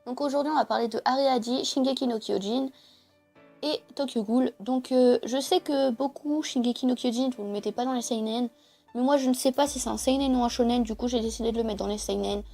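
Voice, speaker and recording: A woman's voice: fairly high pitch, fairly quick, creaky, dark tone. A young woman talking casually to camera about comics she recommends, hesitant and full of fillers. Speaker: manga reviewer. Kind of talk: casual video monologue. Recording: faint background music.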